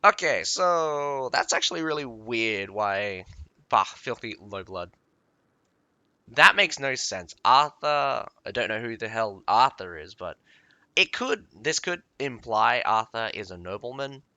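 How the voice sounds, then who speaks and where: Bright-voiced man reading game lore. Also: mid-range voice, expressive, no echo. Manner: stops to comment, halting with fillers. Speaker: lore reader and streamer.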